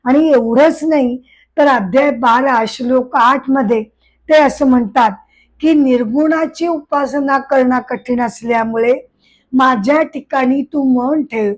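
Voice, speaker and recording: A woman's voice: sits high, unhurried, rough recording. A woman giving a devotional talk and telling a story, speaking earnestly and addressing her listeners directly. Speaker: spiritual speaker.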